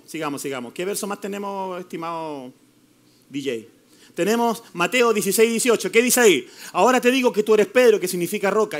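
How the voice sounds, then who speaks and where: A man's voice: high-pitched, fairly bright tone. A man preaching a fiery, playful sermon as pastor, mixing mockery with rising declarations. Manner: fiery, playful preaching with mocking put-on voices.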